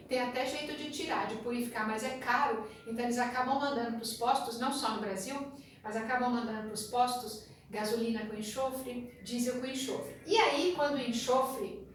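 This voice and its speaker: Chatty Brazilian woman, chemistry teacher, higher pitch, distant mic in an echoey classroom. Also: a little fast. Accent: Brazilian Portuguese. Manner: chatty, repeats a sing-song memory rhyme. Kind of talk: classroom lecture. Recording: very echoey room, distant mic, faint noise.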